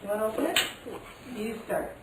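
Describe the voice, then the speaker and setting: A woman's voice: a little high, brisk. A woman reading a picture book to a toddler, asking simple questions and repeating the child's words back. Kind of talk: informal read-aloud with a young child. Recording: roomy, distant mic, clearly noisy.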